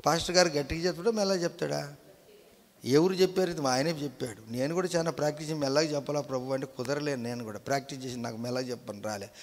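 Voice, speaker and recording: A man preaching a Sunday sermon as pastor, swinging from quiet asides to loud, drawn-out proclamations and quizzing the congregation with questions. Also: fairly high pitch. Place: church. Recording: echoey church hall.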